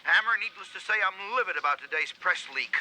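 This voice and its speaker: A man's voice: sits high, expressive, fairly quick, sharp tone, a little hiss or hum, heavily acted, low-quality recording. An actor playing an irritable, commanding police commissioner whose voice comes over a speakerphone, and who keeps breaking off to bark orders at his driver. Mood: stern. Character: irritable male police commissioner, middle-aged, bossy. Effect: heard over a speakerphone. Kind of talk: sitcom acting.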